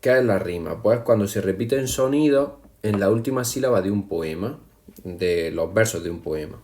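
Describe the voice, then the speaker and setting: A man teaching a language lesson in a patient, explanatory way, counting syllables aloud slowly and speaking to his students directly. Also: lowish voice, animated, a little mellow. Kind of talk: classroom explanation over slides.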